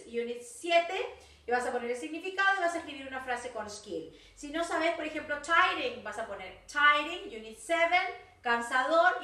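High-voiced woman teacher, slow and echoey. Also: bright, forceful tone. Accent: Rioplatense Spanish. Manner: corrective, switching between Spanish and English. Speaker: English teacher. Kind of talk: recorded video class feedback. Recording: echoey room, voice from far off.

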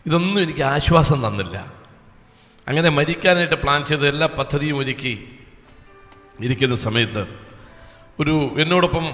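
Bright-voiced man testifying in a hall. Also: medium pitch. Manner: earnest storytelling with long pauses. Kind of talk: personal testimony at a church service. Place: small church hall. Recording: echoey hall reverb.

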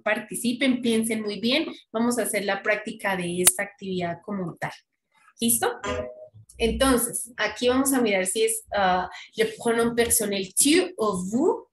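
A woman's voice: mid-range voice, echoey room, slight background noise. A woman teaching a French class online, explaining patiently and often checking that students follow. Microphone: computer mic on video call.

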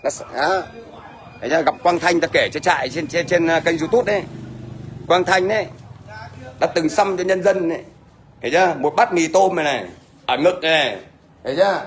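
A man's voice: a little high, fairly quick, pauses often. A middle-aged man with a Northern Vietnamese accent, ranting at a commenter on a livestream in a blunt, scolding way and often asking "thấy chưa?". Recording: faint background noise.

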